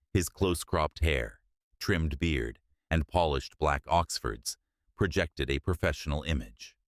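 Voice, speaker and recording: A man narrating a scripted story in a steady, measured way. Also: extremely low pitch, no room sound, studio quality.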